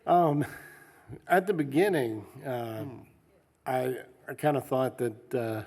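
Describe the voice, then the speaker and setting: A man's voice: medium pitch, expressive, takes it slowly, a little mellow. A man on a convention panel, answering hesitantly with many fillers. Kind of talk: casual panel talk. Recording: echoey convention hall.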